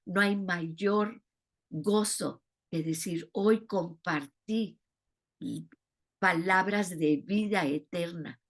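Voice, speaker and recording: A woman teaching a Bible study in an expressive way, often asking her listeners rhetorical questions. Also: low-pitched, gravelly, breathy edge.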